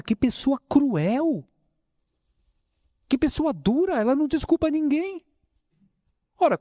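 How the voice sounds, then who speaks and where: Brazilian male spiritist lecturer, animated pitch, dry close sound, preaching with rhetorical questions. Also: no echo. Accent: Brazilian Portuguese, São Paulo interior. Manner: lively preaching, addresses audience as brothers, asks rhetorical questions. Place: spiritist center hall.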